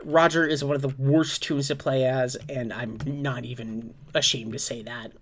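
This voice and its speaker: A woman's voice: extremely low pitch, steady tone, normal speed, slight background noise. A woman vlogger chatting casually on her own and telling a story, rambling and informal, correcting herself as she goes. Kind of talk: casual solo chat and storytelling.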